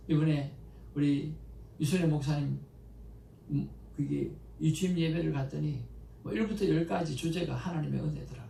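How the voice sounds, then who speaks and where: Korean pastor guy preaching sunday sermon, gravelly voice, kinda far from the mic, faint hiss. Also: fairly high pitch. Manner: conversational, anecdotal preaching with animated emotional quotes. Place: church sanctuary. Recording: echoey church room, mic at a distance, faint background noise.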